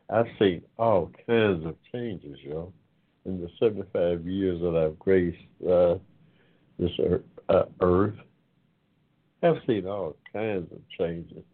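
Deep-voiced and slow, this septuagenarian forum host muses aloud in a relaxed solo talk, pausing often and stretching out his words. It comes through on a tinny phone-line sound.

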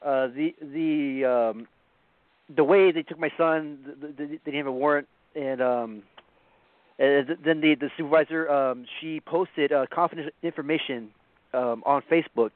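A man's voice: a little high, fairly even intonation, no room sound. Man calling in stammering radio show caller on a tinny phone line. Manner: halting, stammering, many fillers. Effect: phone-line call-in audio.

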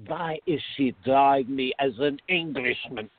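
In a radio drama, a man voices an exasperated, excitable friend who takes offence easily, complaining with indignant, drawn-out emphasis. His mid-range voice sounds close to everyday speech with no echo, though the audio is thin, band-limited and phone-like.

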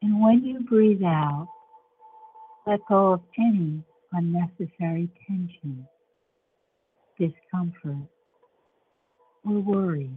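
A woman leading a guided relaxation meditation in a soothing, measured way, with long pauses between short phrases. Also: on the low side. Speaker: show host and guided imagery facilitator. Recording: dull lo-fi sound with faint background noise.

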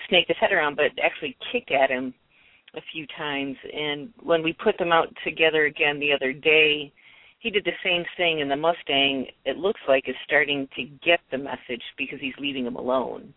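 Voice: medium pitch, dry recording. A radio show caller on a phone line, chatting casually and hesitantly with many ums and restarts. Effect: heard over a phone line. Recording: dry, tinny phone line.

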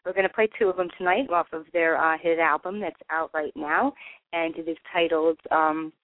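A woman's voice: low voice, steady tone, normal speed, no room sound. Jersey accent lady radio host, chatty n effusive, dry tinny phone sound. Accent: Northeastern US, New Jersey. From New Jersey, United States. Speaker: radio show host, interviewer. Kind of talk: casual radio hosting.

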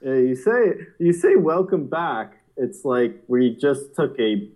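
A man's voice: mid-range voice, sing-song, a little slow, dark tone, low-quality recording. A man with a New Jersey accent co-hosting a podcast over a video call, joking around and laughing often. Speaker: podcast co-host. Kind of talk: casual chat.

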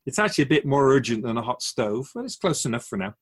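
Calmly instructive, a man in a radio drama takes the role of an otherworldly keeper of souls, patiently asking measured, searching questions. His husky, mid-range voice is very animated.

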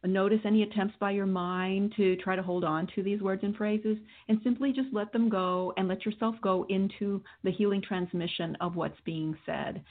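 A woman hosting a spiritual healing session, guiding listeners through meditation with soothing, deliberate phrasing and pauses. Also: mid-range voice, steady tone. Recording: muffled, dull lo-fi audio.

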